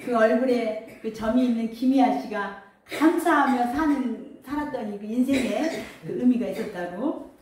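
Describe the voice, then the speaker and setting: A woman's voice: on the high side, moderate pace, a little mellow, a little hiss or hum. A woman pastor preaching a sermon to her congregation and leading it in call-and-response. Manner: leads congregation in call-and-response, sings hymn lines. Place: large church hall. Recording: very echoey hall, voice from far off.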